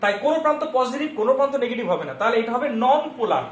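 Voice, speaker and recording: A male chemistry teacher giving a lesson, constantly quizzing his students and repeating key terms slowly so they stick. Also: very high-pitched, very animated, slight background noise. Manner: keeps asking the class questions and checking they follow. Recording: echoey room with faint ambience.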